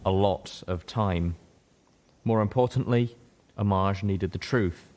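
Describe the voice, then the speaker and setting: Here the man reads slowly, his voice a little mellow, delivering a dramatic fiction piece audiobook-style. A low rumble and other noticeable noise run under his narration.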